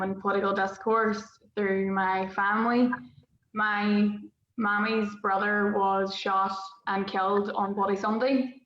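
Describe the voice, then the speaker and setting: A woman speaks in a Derry, Northern Irish accent with little movement in pitch. She sounds reflective and conversational. The recording is roomy and somewhat dull, with faint noise. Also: fairly bright tone. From Derry, Northern Ireland. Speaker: political correspondent. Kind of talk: personal account on a panel.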